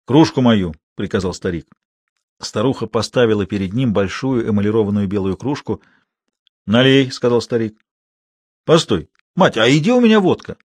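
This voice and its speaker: A man's voice: fairly low pitch, expressive, normal speed, a little mellow, dry recording. A man voicing a frail, grumpy peasant in his eighties who gives curt, grumbling orders. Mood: commanding.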